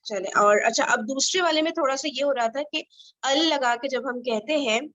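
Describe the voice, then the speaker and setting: A Pakistani woman with a high, fairly bright voice leads an online study group, patiently explaining each grammar point. She pauses often and keeps asking "theek hai?" to make sure everyone follows. The recording is dry and muffled, like call audio.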